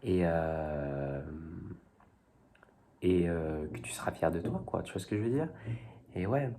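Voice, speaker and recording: A man's voice: low voice, big pitch swings, a little slow, mellow. A young man talking casually to his viewers, rambling and hesitant, full of fillers and youthful slang. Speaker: vlogger. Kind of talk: casual talk to camera.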